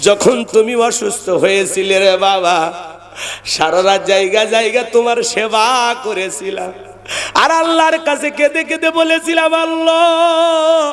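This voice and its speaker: A man's voice: high voice, moderate pace, fairly bright tone. A man preaching voices a grieving poor old village mother who weeps and pleads. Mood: weeping. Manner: weeping, pleading.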